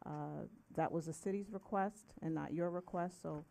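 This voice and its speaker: Low, dark-voiced woman attorney. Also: steady tone, gravelly. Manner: deliberate, hesitant, formal. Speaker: city attorney. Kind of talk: formal legal clarification in a meeting.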